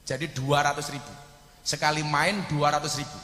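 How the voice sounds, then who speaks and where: A man with a Javanese accent delivers a comic sermon in a high, bright voice, shifting from quiet storytelling to sudden shouted punchlines. His voice rings through a large hall with a long, echoing reverb. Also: level tone, normal speed, faint music behind. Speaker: preacher. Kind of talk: humorous sermon.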